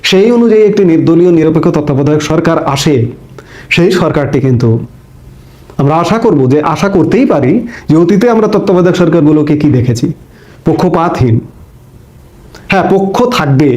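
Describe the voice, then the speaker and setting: A man's voice: a little high, mellow. A man giving a political commentary monologue, reading out court details and then arguing his own view.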